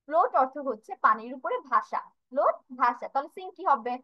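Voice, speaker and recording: A woman's voice: sits high, animated, brisk, no echo, highs cut off. A woman teacher gives an online vocabulary lesson, drilling English word pairs and explaining them in over a video call. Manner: switches between English and Bengali explanations.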